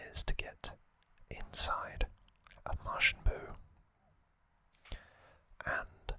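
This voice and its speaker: A man hosting an ASMR trivia channel whispers breathily, telling a story in hushed, short phrases separated by pauses.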